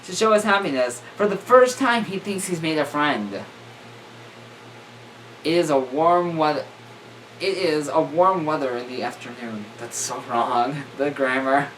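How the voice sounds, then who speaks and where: A man's voice: fairly high pitch, a little slow, fairly bright tone. A young man reading a horror story aloud, stumbling over words and correcting himself with joking asides. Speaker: reader. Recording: distant mic with faint room noise.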